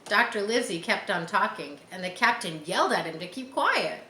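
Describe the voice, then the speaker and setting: Animated and sharp-toned, a woman reads a children's chapter book at normal speed in a mid-range voice. She offers simple asides so young listeners can understand. Background noise is faint, and the space has a roomy echo.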